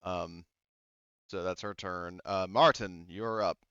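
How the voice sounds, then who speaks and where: Patiently going over each rule and roll, a game master leads his players through a tabletop session in a low, smooth, resonant voice with a sharp tone. The lo-fi voice chat audio is dull and dry without echo, and his delivery is slow with fairly even intonation.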